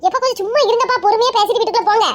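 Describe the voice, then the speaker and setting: Woman voicing a shrill nagging daughter. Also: very fast. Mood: lecturing. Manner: nagging, lecturing. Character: scolding grown daughter pleading with her father. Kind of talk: comedy skit acting.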